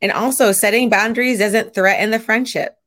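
A woman co-hosting a podcast, talking reflectively and haltingly, often restarting mid-sentence. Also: a little high, steady tone, a bit bright, no echo, clean studio sound. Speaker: podcast co-host, dance and Pilates teacher. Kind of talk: casual chat.

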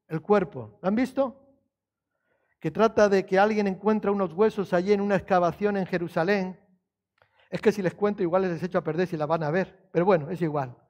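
A man preaching a sermon in a conversational way, asking the congregation questions and quoting scripture, moving between quiet storytelling and raised, emphatic passages. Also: high voice. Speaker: pastor.

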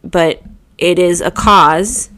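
Chatty mom co-hosting a podcast. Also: female voice, on the low side, slow, a bit bright. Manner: chatty, storytelling with many fillers and restarts. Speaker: podcast co-host. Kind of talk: casual chat.

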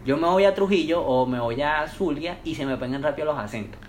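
A woman's voice: deep voice, a little fast, a little mellow, slight background noise. A young Venezuelan woman with a Venezuelan accent, chatting casually and rambling in slang, sometimes mimicking other accents. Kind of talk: casual chat.

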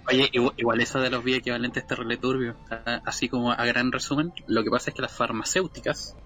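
Chilean man explaining haltingly. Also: medium pitch, fairly even intonation, sharp tone, faint music behind. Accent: Chilean Spanish. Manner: explains things in a halting, restarting way. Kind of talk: casual chat.

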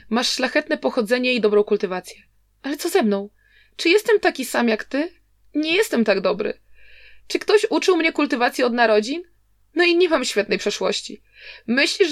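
A woman's voice: high voice, expressive, normal speed, no room sound, clean studio sound, voice pushed up. A woman voicing a scheming young nobleman who pleads and questions defensively. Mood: plaintive. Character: scheming young nobleman, plaintive and self-pitying.

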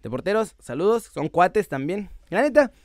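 Man, Mexican accent, high voice, casual sports vlog, slangy, dry close sound. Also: very animated, normal speed, darkish tone, no room sound. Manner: chatty and slangy, addresses viewers as muchachos. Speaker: football news YouTuber.

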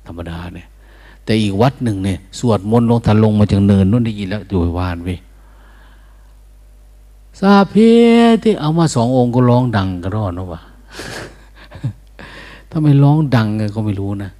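A man's voice: fairly low pitch, a little fast, dark tone. An older man, a Buddhist monk, giving an informal dharma talk in an easygoing, chuckling way, now and then breaking into chant to show how it should sound.

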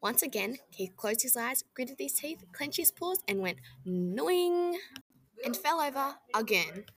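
A woman reading a children's picture book aloud, gently asking the listener questions along the way. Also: high voice, sing-song, a little slow.

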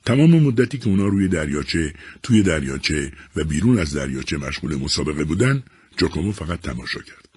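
A man narrating a novel as an audiobook, expressive and acting out each character. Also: extremely low pitch, husky. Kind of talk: scripted storytelling narration.

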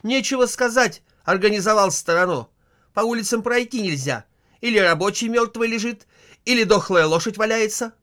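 Man putting on a shrill nagging wife. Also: animated, moderate pace, fairly bright tone. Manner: scolding, whiny, histrionic. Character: shrill nagging middle-aged wife, quarrelsome.

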